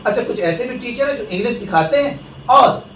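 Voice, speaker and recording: Man from India explaining at a middle pitch, set back from the mic in a reverberant room with faint ambient noise. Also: animated, fairly quick, fairly bright tone, recorded from a distance. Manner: explaining, addresses viewers as friends. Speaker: English teacher. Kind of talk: Hindi lesson talk.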